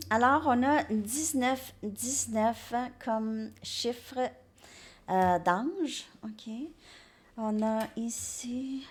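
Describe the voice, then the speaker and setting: A woman's voice: a little high, a little mellow. Chatty Québécois woman reading tarot. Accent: Québécois French. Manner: chatty, upbeat, thinks aloud between cards. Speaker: tarot reader. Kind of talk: casual tarot card reading.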